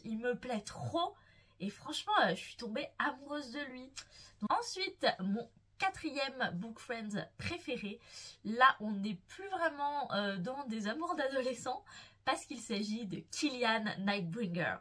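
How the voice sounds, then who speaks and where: A woman's voice: sits high, lively intonation, a little slow, fairly bright tone. Gushing young woman talking books. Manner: gushing, playful, swooning over characters. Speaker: book vlogger. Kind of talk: casual enthusiastic book chat.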